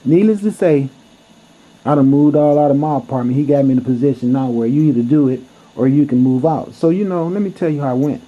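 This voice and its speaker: Man, casual vlog storytelling, blunt, heated, profane, mid pitch, dull lo-fi recording. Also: fast. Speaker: vlogger.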